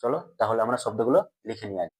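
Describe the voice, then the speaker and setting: A man teaching a grammar lesson to students. He asks them questions and answers them himself, and he stretches out words slowly syllable by syllable. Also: on the low side, slightly rough. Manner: drawn-out slow syllable-by-syllable pronunciation.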